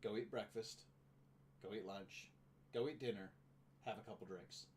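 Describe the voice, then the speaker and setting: A man's voice: fairly low pitch, fairly even intonation, moderate pace, darkish tone, a little hiss or hum. A middle-aged man from Atlantic Canada, co-hosting a casual podcast chat, talking freely and slipping into quoted voices. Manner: chatty, acts out quoted voices, laughs often. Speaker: podcast co-host. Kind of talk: casual chat and reading listener items.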